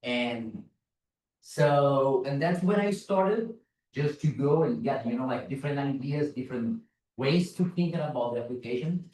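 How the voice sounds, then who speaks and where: A Brazilian man with a Brazilian Portuguese accent gives a casual, self-deprecating conference talk as a security consultant, peppering it with "like" and "you know." His mid-range voice is expressive, unhurried, and a little mellow, with slight background noise. He sounds far off in a large, echoey conference room.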